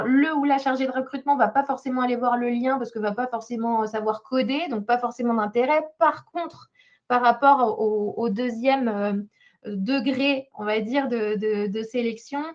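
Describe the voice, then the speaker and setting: A woman working as a job coach reviews someone's CV during a webinar, speaking haltingly with plenty of fillers. She has a fairly high voice, and the lo-fi audio comes across muffled and a little dull.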